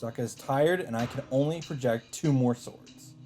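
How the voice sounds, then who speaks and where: Hosting a let's play, a man with a mid-pitched, mellow voice reads visual novel narration off the screen at a moderate pace, like someone telling a story. Faint game music plays in the background.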